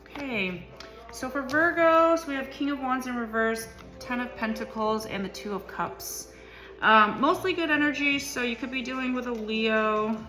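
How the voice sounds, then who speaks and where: Bright-voiced woman reading tarot. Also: on the high side, moderate pace, faint music behind. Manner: loose, filler-heavy talk with many ums and likes. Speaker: tarot reader.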